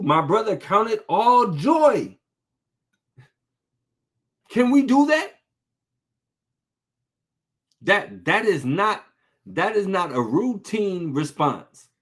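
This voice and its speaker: A man preaching in a relaxed, street-casual way, pitched high with a voice that swoops up and down. He takes his time, drawing out his scripture readings slowly and firing rhetorical questions at his listeners. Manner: reads scripture slowly and deliberately. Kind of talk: informal sermon with scripture reading.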